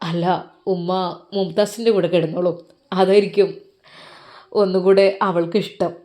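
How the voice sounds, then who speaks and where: A woman voicing a worried young man who talks in a low, quiet and hesitant way. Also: steady tone, moderate pace, close to an everyday voice. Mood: uneasy.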